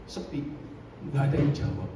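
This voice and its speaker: A man preaching a sermon in a lively, conversational way with frequent asides to the congregation. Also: mid-range voice, moderate pace. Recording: echoey room, distant mic, faint noise.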